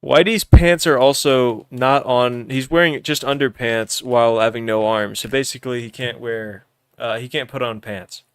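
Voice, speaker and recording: A young man hosting a livestream, loudly and teasingly narrating an improvised role-play game and often restarting his words. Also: mid-range voice, normal speed, clean tone, no room sound, studio quality.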